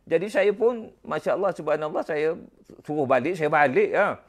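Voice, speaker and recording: A middle-aged man with a Malaysian Malay accent delivers a religious talk through personal storytelling. His voice sits a little high for a man. He talks animatedly, breaks into exclamations, and turns to the audience often. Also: animated, normal speed. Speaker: preacher.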